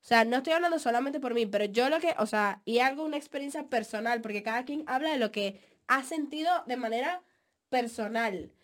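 A young woman chats casually as a podcast co-host. She is animated, full of fillers, and often talks over her partner. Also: a little high, brisk. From Latin America. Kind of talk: casual chat.

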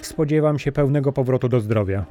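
Brief: male narrator playing an unflappable storybook healer, steady and mellow. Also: medium pitch, fairly quick, lightly acted. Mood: assured. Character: calm, confident wandering male physician.

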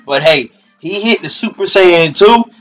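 A man's voice: high-pitched, lively intonation, a little slow, fairly bright tone, faint music behind. A young man co-hosting a podcast, talking in easygoing slang and tacking "bro" onto his sentences. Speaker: podcast co-host. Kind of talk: casual chat.

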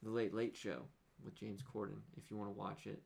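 Gravelly-voiced young podcast host. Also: male voice, on the low side, flat delivery, a little fast, a little mellow. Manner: rambling, jokey storyteller. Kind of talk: casual chat.

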